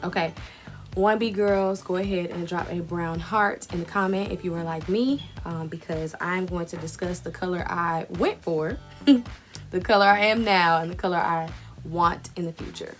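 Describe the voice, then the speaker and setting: A woman's voice: lowish voice, steady tone, moderate pace, soft background music. A woman vlogger chatting casually and a little self-consciously as she eats between sentences. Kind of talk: casual chat while eating.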